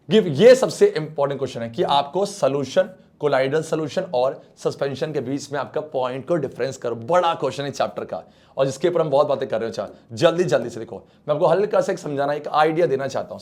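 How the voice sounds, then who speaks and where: A male science teacher with a slightly high voice runs an online lesson. He talks in a brisk, coaxing way and keeps pressing his students to answer fast. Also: darkish tone.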